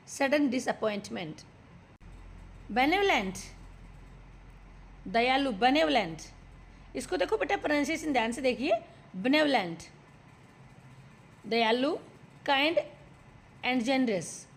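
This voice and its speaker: A woman teaching vocabulary at a very slow, deliberate pace, pausing after every word. Her voice sits a little high. A faint hiss of background noise runs under the recording. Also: lively intonation, gravelly. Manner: addresses students as "beta". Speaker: English teacher. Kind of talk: vocabulary lesson.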